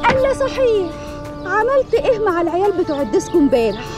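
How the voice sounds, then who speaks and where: An actress playing a quick-tempered young fiancée, speaking in Egyptian Arabic with a reproachful, sulky manner. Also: female voice, very high-pitched, big pitch swings. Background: music.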